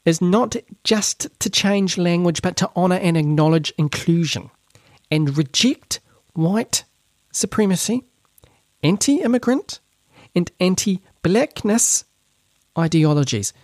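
A prissy, preachy campus administrator, put on by a New man, reads a memo in a high, drawn-out sing-song. The voice sits far above his own and stretches its words slowly. It sounds close and dry. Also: lively intonation, darkish tone, dry recording. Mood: mocking.

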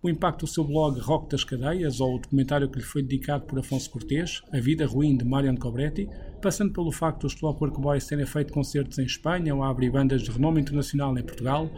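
A man hosting a podcast, reading a scripted narration in a measured way. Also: mid-range voice, dark tone, a little hiss or hum. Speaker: podcast host.

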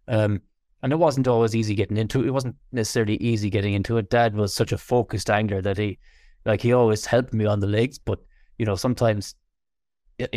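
Low-voiced west of Ireland man. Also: warm tone, dry recording, studio quality. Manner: halting, repeats words as he thinks. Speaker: fly fishing guest. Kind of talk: casual interview chat.

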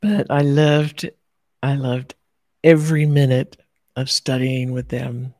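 A woman reflecting warmly and slowly on her years of study in a heartfelt podcast conversation. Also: extremely low pitch, steady tone, no echo, clean studio sound. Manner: slow, heartfelt, repeating phrases. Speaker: teacher sharing her experience.

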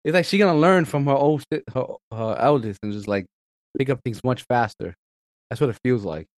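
A man's voice: mid-range voice, a little fast, dry recording, clean studio sound. A man in his thirties chatting casually, laughing a lot and acting out his kids' voices in his stories. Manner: animated storyteller, acts out voices, laughs a lot. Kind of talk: casual chat.

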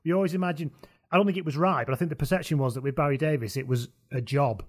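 A man leads a relaxed football podcast conversation and laughs easily between points. His voice sits a little higher than most men's. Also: rapid-fire. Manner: chatty, laughs often. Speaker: podcast host. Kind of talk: casual chat.

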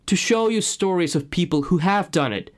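A man's voice: high-pitched, animated, normal speed. A man from Russia with a slight Russian accent, introducing his own podcast in an earnest, personal way. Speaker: podcast host.

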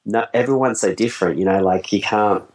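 A man in his forties with a fairly low, darkish voice talks a little fast, though the audio quality is poor. He's a wedding photographer chatting casually, rambling, making fun of himself and laughing easily.

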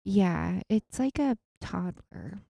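A woman co-hosting a podcast, chatting casually about her week and often dropping into quiet asides. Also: mid-range voice, animated, takes it slowly, gravelly, no echo, studio quality. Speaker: podcast co-host. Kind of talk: casual chat.

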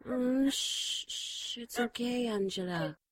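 A woman playing a shaken but caring, gently reproving nun in an audio drama. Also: a little high, slow, no echo. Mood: soothing, concerned.

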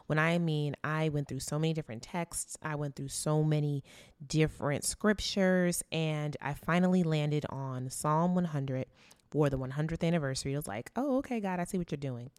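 A woman's voice: low-pitched, darkish tone, clear, resonant tone, no echo. An American woman hosting an inspirational podcast in a conversational, earnest and affirming way, with a preacher's emphasis and repetition.

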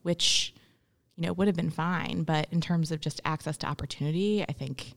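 A woman's voice: deep voice, normal speed, gravelly. A young woman, born in India and raised in Memphis, talking as a guest in a casual interview, thoughtful and full of fillers and restarts. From born in India, grew up in Memphis, Tennessee. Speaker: guest, entrepreneur.

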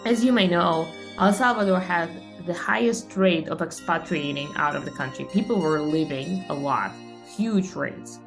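A young Russian woman, a company founder, is a guest on a podcast, speaking energetically and emphatically with frequent fillers in a conversational interview. Her voice is on the low side with vocal fry, at normal speed with few pauses, and music plays in the background.

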